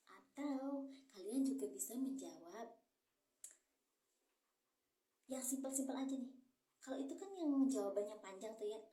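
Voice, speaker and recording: A woman with a fairly high voice gives a relaxed, chatty lesson, pausing to repeat practice phrases slowly. She sounds a little away from the mic, in a room that echoes. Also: far from the mic. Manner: chatty, mixes Indonesian and English, drills phrases slowly. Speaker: English teacher. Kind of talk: casual language lesson.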